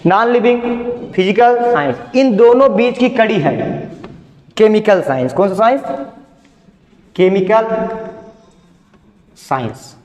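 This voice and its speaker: Male teacher, high pitch, classroom lecture with self-answered questions, long reverb in the room. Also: expressive, moderate pace, a little mellow. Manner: repetitive, asks questions and answers them himself. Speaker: chemistry teacher. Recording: echoey classroom, muffled sound.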